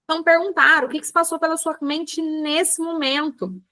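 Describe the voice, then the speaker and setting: A Brazilian psychologist woman gives a casual online lecture in a bright, somewhat high voice. She chats with her listeners directly and acts out little everyday examples as she teaches. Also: steady tone, normal speed. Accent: Brazilian Portuguese. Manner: chatty, addresses audience as "gente", acts out examples. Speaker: psychologist teaching a book club class.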